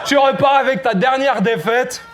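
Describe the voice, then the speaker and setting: Male battle rapper, high-pitched, mocking punchline delivery. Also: normal speed, background noise. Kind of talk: rap battle verse.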